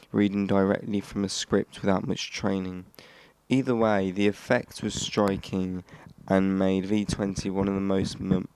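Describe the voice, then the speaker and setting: A man with a low, slightly mellow voice and clean tone hosts a radio hobby channel. He reads scripted narration for a hobby explainer, occasionally tripping over his words.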